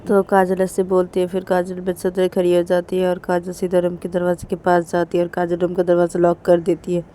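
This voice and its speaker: A woman's voice: on the low side, monotone, fairly quick, mellow. A woman narrating a serialized romance story in plain, repetitive sentences.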